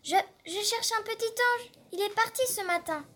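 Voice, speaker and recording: A woman voicing an eager, brave little boy in a storybook, asking high, breathless questions. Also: moderate pace, pushed and bright.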